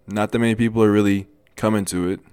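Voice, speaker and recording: A man in his twenties telling a motivational story in a casual, animated way, with many restarts and repeated phrases. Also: fairly low pitch, fast, smooth, no room sound. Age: 20s. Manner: animated, repetitive, lots of restarts. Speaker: motivational vlogger.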